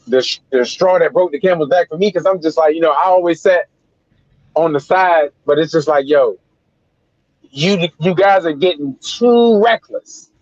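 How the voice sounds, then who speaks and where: A man's voice: fairly high pitch, a little mellow, dry recording, highs cut off. A man co-hosting a podcast over a call, talking in laid-back slang and often agreeing. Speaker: podcast co-host. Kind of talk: casual podcast discussion. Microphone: remote call.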